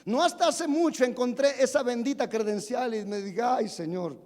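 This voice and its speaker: With lively intonation, a moderate pace and a darkish tone, a very high-voiced pastor in his forties preaches, telling comic stories about himself and asking the congregation questions. The sanctuary's long reverb colors the recording.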